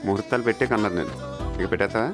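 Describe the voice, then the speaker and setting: A man's voice: lowish voice, rapid-fire, music in the background, close to an everyday voice. An actor playing a man who mocks and scolds others, with a Telugu accent. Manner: mocking, scolding. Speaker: comic film character. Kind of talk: Telugu film comedy acting.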